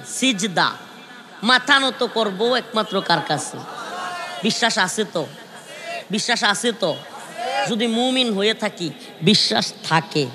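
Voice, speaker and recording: A man's voice: sits high, bright, forceful tone. A man preaching a night-time Islamic sermon to a large gathering, calling out to the crowd and chanting Arabic verses in a sung tone. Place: large outdoor religious gathering. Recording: long reverb of a big PA.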